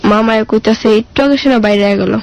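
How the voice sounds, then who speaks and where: A woman with a slightly high, darkish voice speaks briskly in a colloquial Bangladeshi Bengali accent. As a guest, she tells her life story in plain, casual speech, acting out remembered dialogue.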